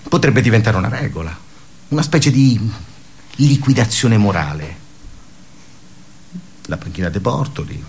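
A male actor with a low voice performs a radio theatre monologue as a brooding office worker with dark irony, his speech halting and conversational with emphatic bursts. The mood is wry musing, and there's slight background noise.

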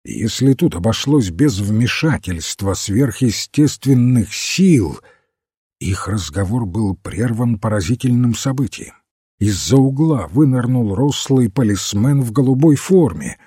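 A man narrating a detective story aloud in an expressive, dramatic manner. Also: mid-range voice, unhurried, husky, no echo, clean studio sound. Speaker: audiobook narrator. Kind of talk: scripted narration.

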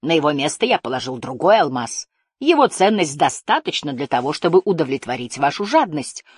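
A woman's voice: low-pitched, very animated, a little fast, husky, no echo, studio quality, exaggerated voice. Woman voicing a sly, cold old guardian. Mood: sneering. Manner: hissing, drawling, menacing.

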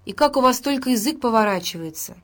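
Upset old grandma protesting, higher voice, woman doing her. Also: expressive, fast talker, a bit bright. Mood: offended. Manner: defensive, emotional. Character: offended elderly grandmother.

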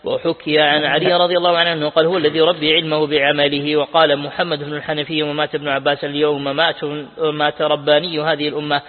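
A man, a sheikh, reads aloud from a classical Quran commentary and explains it, restarting words as he goes. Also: on the high side. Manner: rapid, flat recitation with self-corrections. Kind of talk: fast classical Arabic text reading. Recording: tinny lo-fi audio in a reverberant hall.

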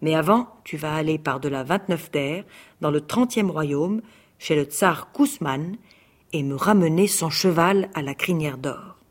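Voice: medium pitch, measured pace, lightly acted. Storybook tsar, older, stern and reproachful, acted by the narrator. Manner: shouting then reproachful. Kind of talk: read-aloud fairy tale.

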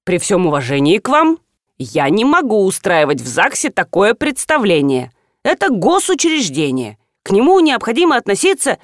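A woman's voice: mid-range voice, wildly swooping pitch, moderate pace, dry recording, studio quality. A woman reading the part of a formal, bureaucratic female registry official. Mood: stern. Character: stiff middle-aged female registry official.

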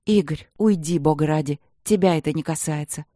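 A narrator voicing a hoarse, commanding young queen. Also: mid-range voice, a little fast, warm tone, no echo, studio quality, lightly acted. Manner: hoarse, strained, snapping orders.

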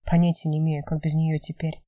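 A woman's voice: low-pitched, monotone, a little fast, no echo, clean studio sound, distant mic. A woman doing a weary, heartbroken young man. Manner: quiet, weary, subdued.

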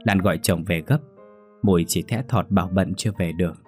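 A man narrating a folk story in a lively storytelling manner. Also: low-pitched, brisk. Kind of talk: scripted narration. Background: faint piano music.

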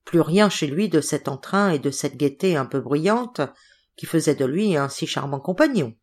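A woman narrating an audiobook story in a measured, expressive reading. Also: low-pitched. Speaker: audiobook reader.

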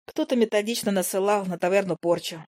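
A woman narrating a first-person audiobook in a lively, expressive way. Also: mid-range voice, brisk. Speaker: audiobook reader.

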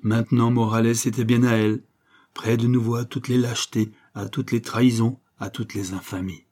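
A man narrating an audiobook in a dramatic, measured way. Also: mid-range voice, level tone, darkish tone. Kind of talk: audiobook reading.

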